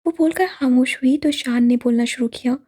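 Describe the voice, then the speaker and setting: A woman narrating a novel audiobook in a slow, measured, somber way. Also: high-pitched, dark tone, slightly rough. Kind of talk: novel reading.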